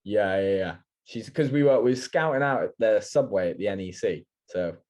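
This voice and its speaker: Animated young Englishman telling stories. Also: lowish voice, moderate pace. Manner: animated storytelling, swears, laughs often. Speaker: podcast co-host. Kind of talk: casual chat. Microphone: video call.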